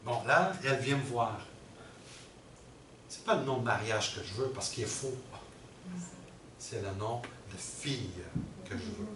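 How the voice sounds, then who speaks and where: A man's voice: medium pitch, very animated, measured pace, long pauses. A middle-aged man, presenting a workshop and explaining step by step, often checking in with his audience. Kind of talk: teaching a workshop. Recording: roomy and distant with background noise.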